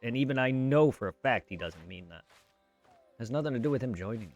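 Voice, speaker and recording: With some vocal fry and lively intonation, a medium-pitched streamer whose voice is normally very quiet talks a little fast to his chat. The audio is dull with faint music behind, and his off-the-cuff talk is blunt, repetitive, and sometimes profane.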